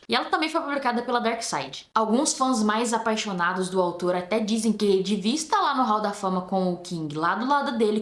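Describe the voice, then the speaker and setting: A tired Brazilian woman reviews a horror novel on her channel in a loose, chatty way, full of slangy asides. Her voice sits at an ordinary middle pitch. The room gives her voice a noticeable echo. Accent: Brazilian Portuguese. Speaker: book reviewer and channel host. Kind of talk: casual book review vlog. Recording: roomy echo.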